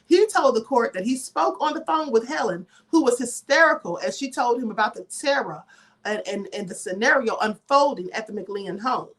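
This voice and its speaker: A woman's voice: a little high, animated, normal speed, a bit bright. A woman hosting a live commentary stream, reading news aloud with emphatic, chatty asides.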